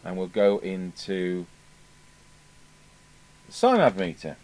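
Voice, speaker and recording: Thinking out loud and muttering as he works, a man presents a casual hands-on repair demonstration as a radio repair technician at an indoor workbench. His voice is low-pitched and a little mellow, very animated yet slow-paced. The low-quality recording carries clear background noise and workshop ambience.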